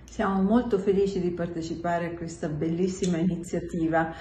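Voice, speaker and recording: A middle-aged woman, a company president, speaking in a recorded video message with a measured, unhurried delivery and some hesitations. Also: on the low side, fairly even intonation, dark tone. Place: indoor office or room. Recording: echoey room, faint background noise.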